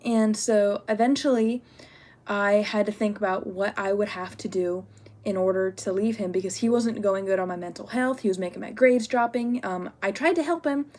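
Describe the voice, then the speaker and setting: A young woman student talks through her notes in a loose, rambling way, with a middling pitch and plenty of "like" and "um." She speaks candidly and gets heated when her story turns personal. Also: moderate pace, a little mellow. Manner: chatty, lots of "like" and "um". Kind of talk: casual spoken assignment response.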